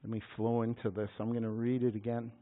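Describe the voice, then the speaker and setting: A man preaching a sermon, reading scripture and bursting into loud, dramatic cries at the high points. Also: flat delivery, fast. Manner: dramatic, shouting scripture at peaks. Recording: tinny phone-like sound.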